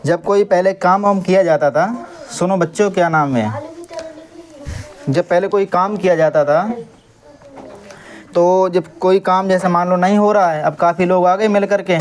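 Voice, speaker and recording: Man teaching English grammar in class. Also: high-pitched. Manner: asks pupils questions and answers for them; scolds noisy pupils. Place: classroom with pupils.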